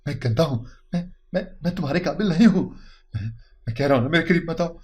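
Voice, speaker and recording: A man's voice: on the high side, lively intonation, darkish tone, slightly rough, pitched above the performer's own voice. A man voicing a distraught young husband in a storybook tale; he cries, stammers and repeats his words. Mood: frantic pleading. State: crying. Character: anguished young husband with a shameful secret.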